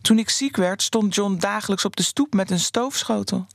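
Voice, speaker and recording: A narrator reading the quoted lines of an old woman in her eighties, slightly raised and gently recounting. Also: mid-range voice, moderate pace, gravelly, no echo, clean studio sound. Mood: recalling. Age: 80s. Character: Alida, woman in her eighties, his wife.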